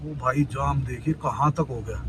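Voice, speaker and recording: A man's voice: mid-range voice, normal speed. A man vlogging casually from a car in traffic, chatting with viewers as "brother" and sounding worried about the roads. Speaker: travel vlogger. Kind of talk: casual driving vlog commentary. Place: inside a car in traffic, outdoors around.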